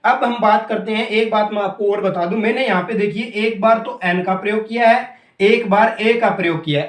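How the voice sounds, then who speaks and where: Guy teaching grammar, keeps asking if you got it, pretty high voice. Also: echoey room. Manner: explains step by step, keeps asking "clear?". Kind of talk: whiteboard grammar lesson.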